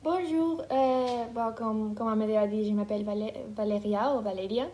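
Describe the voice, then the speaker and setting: A woman in her twenties from Ukraine, speaking French, answering interview questions thoughtfully with many pauses. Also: medium pitch, dark tone. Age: 20s. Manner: hesitant, thoughtful, many fillers. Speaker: interview guest. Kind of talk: casual interview.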